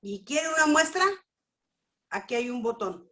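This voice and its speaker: Woman, higher voice, lively storytelling testimony. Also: unhurried. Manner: animated storytelling, acts out dialogue. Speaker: speaker at a church family school. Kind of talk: personal testimony.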